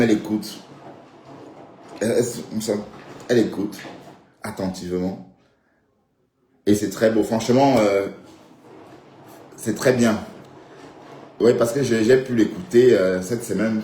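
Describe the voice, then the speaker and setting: A man talks casually to his viewers on a live stream, rambling and tossing in little check-ins. His voice sits low. The room gives back a noticeable echo with faint background sound. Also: warm tone, a little hiss or hum. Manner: rambling, addresses viewers directly with frequent "hein" and "d'accord".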